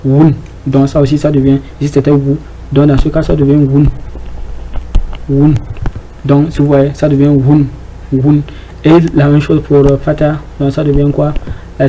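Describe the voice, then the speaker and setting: A man's voice: on the high side, mellow, slight background noise, rough recording. A man giving an informal Arabic reading lesson, hesitant, with many fillers, repeated words and rhetorical questions to the class. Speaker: Arabic teacher.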